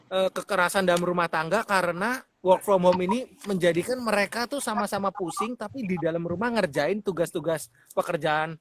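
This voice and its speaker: A man's voice: high voice, fairly quick, a crowd in the background. A man hosting a radio talk show, chatting casually with his guest and telling anecdotes. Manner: chatty, tells anecdotes, addresses guest often. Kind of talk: casual interview chat.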